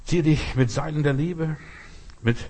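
Brief: male preacher, husky tone, lively sermon that speaks to the listener directly. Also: measured pace. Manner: addresses listener directly, vivid everyday images, lively shifts in pitch and loudness. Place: Berlin.

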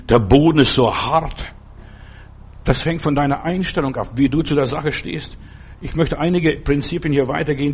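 A man's voice: medium pitch, slightly rough. A man preaching a sermon and reading a Bible story, talking in an earnest, fatherly way straight to the listener.

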